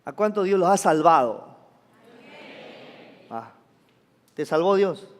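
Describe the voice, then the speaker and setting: High-voiced, lively preaching man. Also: takes it slowly. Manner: questions the congregation and has them repeat phrases; acts out sounds with sudden exclamations. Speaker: pastor. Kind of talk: sermon. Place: church. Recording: long reverb of a church hall.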